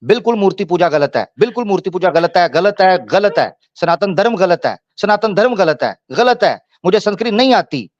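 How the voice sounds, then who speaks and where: A man's voice: high-pitched, sing-song, normal speed, hardly any pauses, dry recording, highs cut off. A man mimicking a pleading, panicky grown man. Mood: mock pleading.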